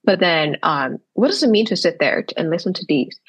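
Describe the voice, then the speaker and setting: Husky-voiced woman from Hong Kong. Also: lowish voice, lively intonation, dull audio. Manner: thoughtful, with frequent "um" pauses. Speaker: percussionist guest. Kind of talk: casual podcast interview.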